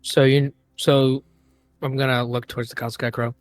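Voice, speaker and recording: A player chatting casually in a tabletop game, eager and excitable. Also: medium pitch, moderate pace, no echo.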